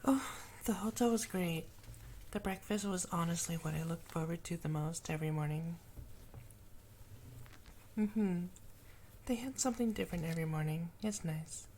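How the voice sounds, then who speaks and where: A woman playing a teasing, caring young woman in an ASMR role-play for ear cleaning ASMR, speaking softly and breathily in a gentle, chatty way. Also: lowish voice, normal speed, long pauses, a little hiss or hum, close to an everyday voice. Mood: relaxed chatting. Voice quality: soft, breathy soft voice.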